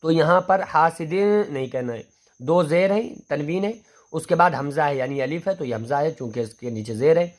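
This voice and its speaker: A man leads a Quran reading lesson. He explains each rule patiently and step by step. He often slows right down to spell out letters and repeat words. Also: on the high side.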